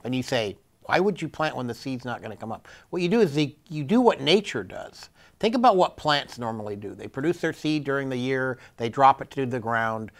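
Plain-spoken Midwestern man explaining lawn care. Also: mid-range voice. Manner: plain-spoken, practical, explains step by step with restarts. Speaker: turfgrass specialist. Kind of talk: explanatory extension talk to camera. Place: indoor studio set. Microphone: lapel.

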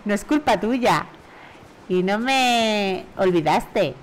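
A woman with a Spain Spanish accent reading aloud the lines of a cheerful, kind male cartoon mouse from a video game in a soft, reassuring way. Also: mid-range voice, lively intonation, takes it slowly, slight background noise, poor audio.

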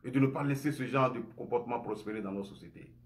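At home indoors, an Ivorian man in his forties addresses the camera with a French accent and a mid-range voice at a quick pace. As an online commentator, he gives an indignant, emphatic monologue packed with rhetorical questions and plenty of gestures.

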